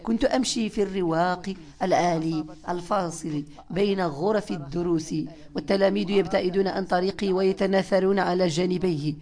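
A woman narrating a literary audiobook in the first person, with a measured, expressive reading. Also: lowish voice.

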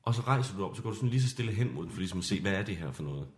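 A man hosting a podcast as game master, narrating an improvised adventure in a hushed, suspenseful way. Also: on the low side, animated.

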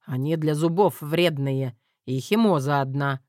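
A woman's voice: low voice, unhurried, a little mellow, no echo, clean studio sound, voice pushed down. A woman voicing a terse, commanding young husband in an audiobook. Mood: gruff. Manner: curt, commanding.

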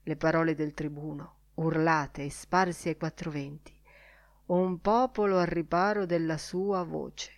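A woman reads a novel aloud in a low, dusky voice. She takes her time, leaning into long dramatic pauses and never hurrying the sentences. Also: steady tone. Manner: measured, unhurried reading with dramatic pauses. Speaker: audiobook reader. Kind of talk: literary audiobook narration.

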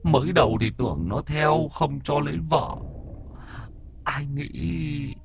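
Man playing a spirit medium, highish, slow, eerie, faint hiss. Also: vocal fry.

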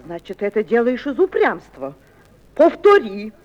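An actress playing a strict mother drilling a boy on a poem, patient but sharp, in an old radio play. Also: fairly high pitch, sing-song, unhurried, lo-fi sound. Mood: insistent.

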